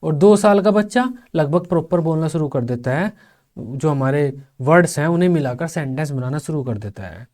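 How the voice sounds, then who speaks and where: A young man teaching a teacher-training class, explaining step by step and slowly sounding out each syllable. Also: fairly high pitch, lively intonation, a little mellow. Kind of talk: online exam-prep lecture.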